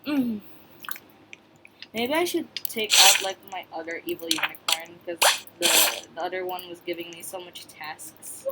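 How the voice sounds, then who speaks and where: A woman's voice: fairly low pitch, a little slow. A woman hosting her own gaming channel, rambling through casual gameplay commentary with many fillers and restarts while chatting straight to her viewers. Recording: clear background noise with clicks.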